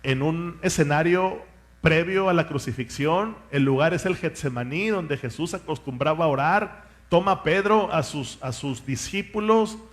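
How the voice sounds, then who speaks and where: A man's voice: fairly high pitch, moderate pace. A man, a pastor, preaching a sermon with fervent rhetorical questions and asking his congregation to repeat words after him.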